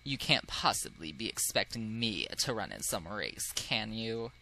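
A man voicing a haughty, snobbish noble male pigeon, speaking in a slow and lofty manner. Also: on the low side, sing-song, creaky, pushed and bright, slight background noise, voice pushed down, exaggerated voice, low-quality recording.

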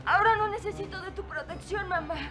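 A woman's voice: extremely high pitch, quick pace. An actress playing a distraught pregnant young daughter who is crying and pleading insistently with her mother. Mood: tearful desperate. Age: young adult. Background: soap opera background music.

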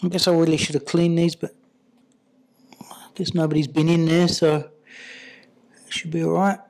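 A product installer and reviewer narrates a casual, hands-on installation tutorial, muttering to themselves as they work. The voice is mid-range and a little mellow, with little pitch movement and a moderate pace.

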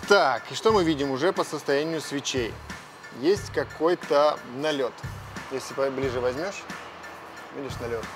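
With music playing behind him, a man speaks in a mid-range voice at a moderate pace. He's a chatty car vlogger giving a casual explanation of his engine, moving between the inside of a service garage and the outdoors beside the car.

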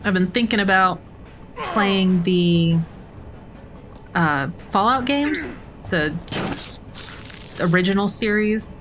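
A woman's voice: medium pitch, takes it slowly, pauses often. Chatty woman gamer, music behind. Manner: chatty, rambling, self-mocking asides. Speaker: gaming streamer. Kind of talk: casual let's-play commentary. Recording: game music playing behind the voice.

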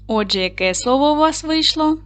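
Clear, slow-spoken woman teacher. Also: sits high, lively intonation, fairly bright tone. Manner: slow, clear, encouraging classroom delivery. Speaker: primary school teacher. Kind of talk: online lesson for young children.

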